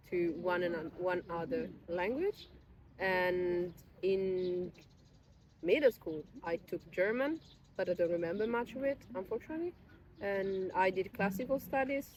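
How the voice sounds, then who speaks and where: A woman's voice: fairly low pitch, darkish tone, poor audio. A woman in her twenties, a guest in a casual chat outdoors in a park, explaining at length in a thoughtful, self-deprecating way. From Italy. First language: Italian.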